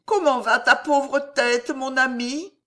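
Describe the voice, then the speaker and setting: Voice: high-pitched, slow, fairly bright tone, pitched above the performer's own voice. A reader voicing a vain young prince who speaks nonchalantly in an audiobook. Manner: nonchalant, languid.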